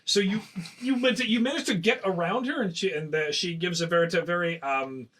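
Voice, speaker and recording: A man narrating a tabletop game as game master, pausing often with fillers and restarts. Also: high voice, a bit bright, slight background noise, rough recording. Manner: hesitant, many fillers and restarts.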